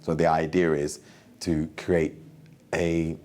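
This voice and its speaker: A man's voice: very deep voice, level tone, takes it slowly, darkish tone, a little hiss or hum. A man in his forties, from Somalia and raised in the UK, an organisation founder speaking earnestly in an interview. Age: 40s.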